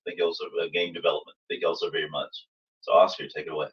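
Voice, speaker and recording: A man's voice: deep voice, level tone, rapid-fire, distant mic. A man hosting a livestream panel, effusively polite as he moderates, on a muffled microphone. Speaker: host, moderator.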